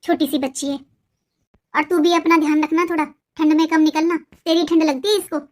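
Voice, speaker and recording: A woman's voice: high-pitched, level tone, a little fast, lightly acted. A woman voicing a lecturing cartoon mother-in-law. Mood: worried. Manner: lecturing, advising. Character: mother-in-law, scolding but caring grandmother. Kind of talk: cartoon voice acting.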